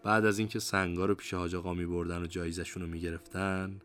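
An older man tells his war memories in a relaxed, colloquial way, sprinkling in everyday idioms. His voice sits low and he speaks as if to friends across a table. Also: faint music behind. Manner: conversational, lively retelling with idioms. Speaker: war veteran narrator. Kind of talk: colloquial memoir storytelling.

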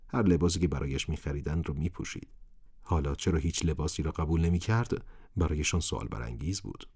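A man narrating a story in a calm, measured way. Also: rumbling low, slightly rough. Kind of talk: scripted narration.

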